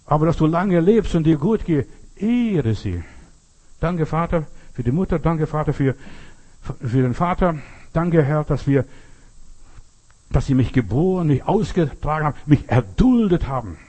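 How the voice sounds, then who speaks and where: An older man delivers a sermon in a husky, mellow voice. He drifts into folksy childhood stories and keeps asking rhetorical questions. His pitch sits a touch higher than most men's. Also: lively intonation, unhurried. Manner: folksy storytelling, rhetorical questions, repeats "verstehst du". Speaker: preacher.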